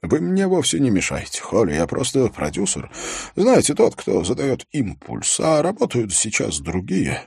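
A man's voice: medium pitch, huge pitch swings, moderate pace, gravelly, a little mellow, slightly rough, dry recording, clean studio sound, voice pushed up, full character voice. A man voicing an anxious, emotional middle-aged theatre producer, nervous and fussy.

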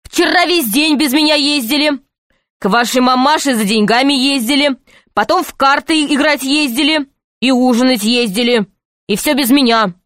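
A woman's voice: high-pitched, normal speed, a bit bright, dry recording, studio quality, voice pushed up. A woman voicing a blunt, practical male squire who speaks in a matter-of-fact, grumbling way.

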